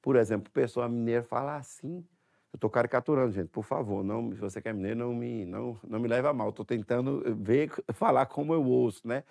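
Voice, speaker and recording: A male teacher with a Sergipe Brazilian Portuguese accent walks students through exam-prep material. His voice has a gravelly edge and sits at an ordinary pitch. He explains step by step, dropping in frequent tag questions and pointing words as he goes. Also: fairly quick, a little mellow.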